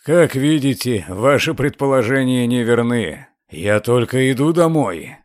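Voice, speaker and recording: A man voicing a frightened, secretive old gentleman who speaks slowly in a trembling, pleading way. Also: medium pitch, animated, no room sound, clean studio sound, natural voice. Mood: anxious.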